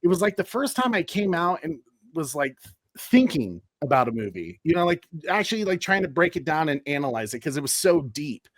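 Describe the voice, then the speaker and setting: A man's voice: on the high side, very animated, a little fast, dry recording, clean studio sound. A man in his thirties, a podcast guest, telling stories in a rambling, easygoing way with many fillers. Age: 30s. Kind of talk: casual chat.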